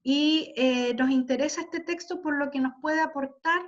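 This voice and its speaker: A woman's voice: high voice, normal speed. A woman teacher giving an online class, explaining patiently step by step and often checking that her students follow. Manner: patient, explains step by step and checks understanding with frequent tag questions. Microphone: computer mic on a video call. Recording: dull lo-fi video call audio.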